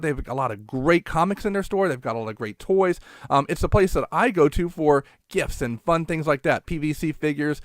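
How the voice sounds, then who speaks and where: A man hosts a casual live show in a fairly high voice. He talks to viewers like a folksy showman, slipping between sponsor plugs and asides. The sound is dry, with little room on it. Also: no room sound. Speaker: online show host.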